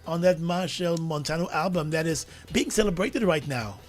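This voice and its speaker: An upbeat male radio host with a notably high voice leads a morning show from the studio. He talks in a chatty, friendly way. Faint music sits underneath. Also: moderate pace.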